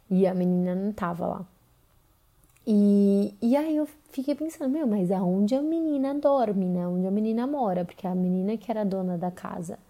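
Young Brazilian woman telling her own story to podcast listeners; conversational and full of fillers, with a very dark, mellow tone. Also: medium pitch. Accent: Brazilian Portuguese. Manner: conversational retelling with many fillers.

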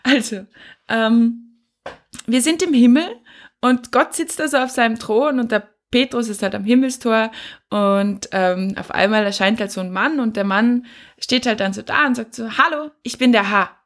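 A woman's voice: a little high, normal speed. A woman co-hosting a casual podcast, rambling and hesitant, with frequent giggles. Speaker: podcast co-host.

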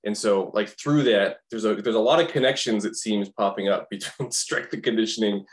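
A man co-hosting a podcast, speaking casually and haltingly, often restarting his sentences. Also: fairly low pitch, a little hiss or hum. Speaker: podcast co-host.

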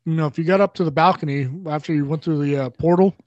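A man's voice: a little high, quick pace, darkish tone, no room sound, highs cut off. A young man in casual chat about video games, rambling loosely and swearing often.

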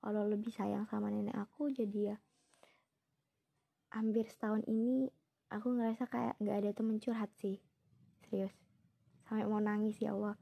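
A young woman from East Java telling a personal story in a soft, reflective way, pausing often with fillers. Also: medium pitch, fairly even intonation, gravelly. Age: young adult.

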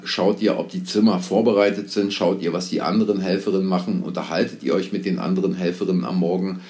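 A man coaching dental practice staff through a guided visualization, asking a steady stream of probing questions in a calm, unhurried way. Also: low-pitched.

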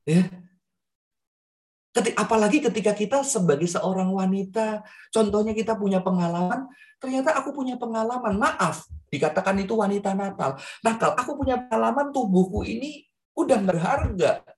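Animated man preaching a sermon. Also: moderate pace. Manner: animated storytelling, addresses congregation directly; lively pitch swings, drops to soft quiet tones when quoting. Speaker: evangelist preacher.

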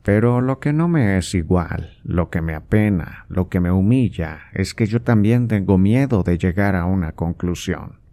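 A man puts on a sarcastic old aristocrat in an audiobook, a father who scolds and needles his grown son. The voice sits very low, slow and dark, mocking and impatient. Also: lively intonation. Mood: scornful. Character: scornful old male nobleman, impatient father. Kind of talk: audiobook character voice.

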